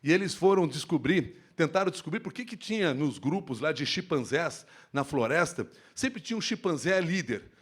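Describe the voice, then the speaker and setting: Animated man giving a live lecture. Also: fairly high pitch, moderate pace, hardly any pauses, breathy edge. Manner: animated, expressive, shifts tone to demonstrate. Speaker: speaker at a workplace safety event. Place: event stage. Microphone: handheld microphone.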